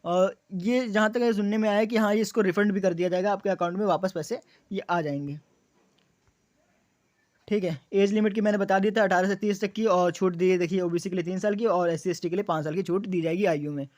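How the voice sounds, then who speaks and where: High-voiced man explaining exam rules. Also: fairly even intonation, brisk, darkish tone, no room sound, clean studio sound. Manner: repeats key points as questions and answers; frequent fillers. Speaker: exam coaching YouTuber. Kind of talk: explaining exam details to students.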